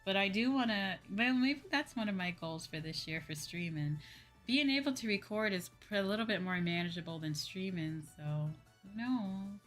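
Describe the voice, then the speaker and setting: A VTuber livestream host chats informally with her viewers, sprinkling "like" and "you know" throughout. Her medium-pitched voice is a bit bright, lively in intonation, and moves at a normal speed, with background music playing.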